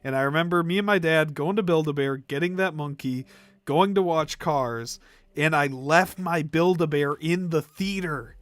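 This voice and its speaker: A man's voice: fairly high pitch, normal speed, dry recording. Rambling young man with a cough. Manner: rambling, conversational, with fillers. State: coughing, throat irritated. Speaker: live stream host. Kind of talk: casual chat ranking movies.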